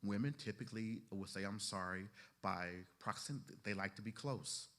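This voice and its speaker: This man's voice runs on the low side, fairly bright in tone and moderate in pace. He's an instructor lecturing a class of therapist trainees in a conversational style, asking the room questions and frequently saying "you know."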